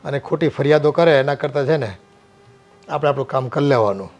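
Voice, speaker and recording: A man's voice: mid-range voice, brisk, a little mellow. An older man with a Gujarati accent playing a father-in-law in a family film, easygoing and teasing.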